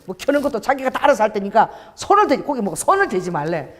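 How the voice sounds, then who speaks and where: A woman pastor preaching a sermon, telling a story with lively quoted voices. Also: fairly high pitch, fast talker, in a large hall.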